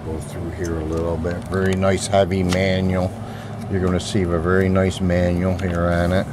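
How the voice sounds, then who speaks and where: A seller demonstrates used audio gear in a casual, unscripted, plain-spoken way, speaking off screen in a low voice with little pitch movement at a moderate pace. It was recorded in a room at home on a handheld camera's mic, with a noisy background of music playing from a record.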